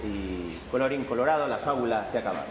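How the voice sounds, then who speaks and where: Animated storyteller man, lively voice. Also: medium pitch, a little fast, echoey room, very noisy. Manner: animated and expressive, addressing an audience. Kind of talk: live oral storytelling. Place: event hall at a book fair.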